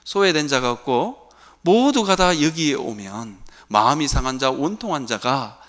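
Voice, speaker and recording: A pastor delivers a sermon in a church, his voice sitting in an ordinary middle register. He swings his pitch widely and keeps tossing questions to the congregation, then answers them himself. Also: unhurried. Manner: animated preaching with rhetorical questions. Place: church sanctuary.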